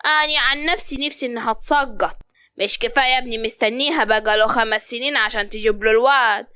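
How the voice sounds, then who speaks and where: A woman's voice: fairly high pitch, fast, bright, forceful tone, clean tone, no echo. An actress playing a harsh, bossy older mother-in-law with an Upper Egyptian accent, scolding and giving orders. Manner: scolding, commanding.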